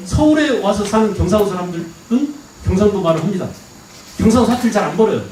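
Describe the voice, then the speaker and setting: A male history lecturer from Jeolla province, Korea, gives a lively classroom lecture, animated and fast-talking in a high voice, often using rhetorical questions to check that students understand. The mic sits at a distance in an echoey hall, and there's a little hiss or hum.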